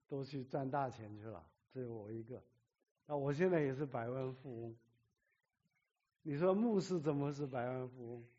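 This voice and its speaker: Older man preaching a lively testimony. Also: on the high side. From Korea, overseas Chinese community. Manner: lively storytelling with self-mocking humor. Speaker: pastor. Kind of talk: testimony sermon. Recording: dull lo-fi recording.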